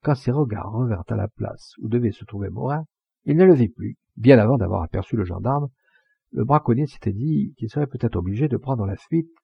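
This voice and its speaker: A man reading a classic novel aloud as an audiobook narrator, in measured, steady storytelling. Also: mid-range voice, gravelly, breathy edge, no echo, highs cut off. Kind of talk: scripted literary narration.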